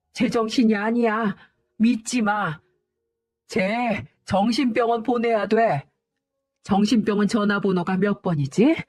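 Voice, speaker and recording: A woman's voice: mid-range voice, a little mellow. A woman voicing a cruel, scheming older mother-in-law in a read-aloud story, speaking in a scolding, contemptuous way. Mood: flustered. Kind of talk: storybook reading.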